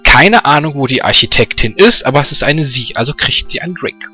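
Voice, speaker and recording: Man, let's play host, bright tone, husky, sarcastic game commentary, faint music behind. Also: mid-range voice, lively intonation, a little fast. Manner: joking, sarcastic asides. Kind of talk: casual gaming commentary, reading game text aloud.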